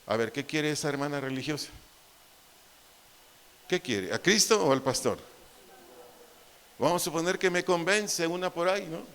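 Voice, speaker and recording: A man's voice: fairly high pitch, expressive, normal speed, long pauses, a bit bright, clear, resonant tone. A man with a Mexican Spanish accent preaching a sermon as a pastor, firing off rhetorical questions and acting out little scenes in quoted voices. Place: church hall, long reverb. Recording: hall reverb.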